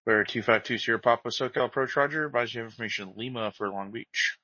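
Over band-limited radio that sounds dry and dull, a man with a mid-range, bright, forceful voice delivers fast, clipped, procedural air traffic control instructions in a flight simulation, with no echo.

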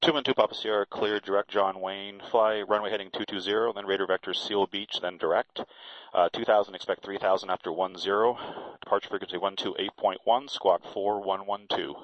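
Deep, fast pilot over the radio. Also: male voice, fairly even intonation, no room sound. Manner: hesitant, with filler sounds. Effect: pilot's voice over the aircraft radio. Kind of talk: radio phraseology. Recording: dull lo-fi radio transmission.

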